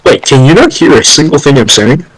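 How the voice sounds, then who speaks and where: A man's voice: on the high side, big pitch swings, fairly quick, breathy edge. Man on a choppy connection that keeps cutting out. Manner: rambling, many ums and restarts. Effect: voice cutting out over a bad online connection. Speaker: podcast co-host. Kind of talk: casual podcast chat. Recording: dropouts from a bad connection, distant.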